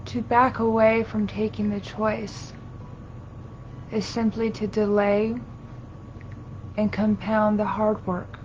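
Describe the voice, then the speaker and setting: A woman channeling as a seance medium, giving a solemn spiritual sermon in formal, archaic, halting phrases as a collective "we". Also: little pitch movement, darkish tone. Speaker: trance channeler. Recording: dull lo-fi audio with low rumbling noise.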